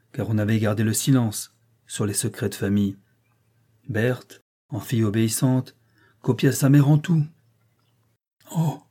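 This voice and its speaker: A man voicing a proud, brooding nobleman with a forceful, impassioned delivery in an audiobook reading. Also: mid-range voice, close to an everyday voice. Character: brooding proud older nobleman, bitter and defiant.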